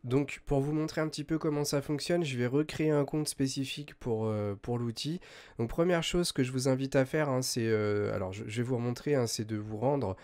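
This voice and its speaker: A man hosting a software tutorial, explaining step by step in a chatty way, full of hesitations and self-corrections. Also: mid-range voice, a little fast. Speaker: host of a web tools tutorial channel. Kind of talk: screen-recorded software tutorial.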